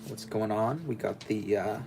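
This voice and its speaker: Unhurried and dark-toned, a young man's deep, gravelly voice drifts through a casual livestream chat as he builds. Faint background music accompanies his hesitant, rambling talk, which is peppered with fillers and restarts.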